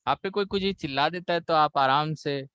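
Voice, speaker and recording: An Indian man coaching a spoken English class, mixing Hindi and English, acting out quoted voices and slowing down on key English lines. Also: a little high, a bit bright, smooth, dry recording, lo-fi sound.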